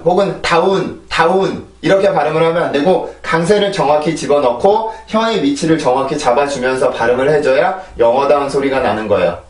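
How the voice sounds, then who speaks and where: A man's voice: on the high side, echoey room, distant mic. A man teaching English pronunciation in an online lesson, patiently repeating each drill word several times. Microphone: small clip-on mic with phone camera.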